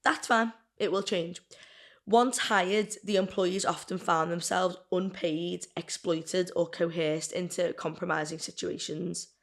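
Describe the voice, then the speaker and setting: A woman's voice: lowish voice, fairly even intonation, measured pace. A woman co-hosting a podcast, reading a true-crime case from notes in a casual chatty way, now and then stumbling over words. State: burping and hiccuping. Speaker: podcast co-host telling the case.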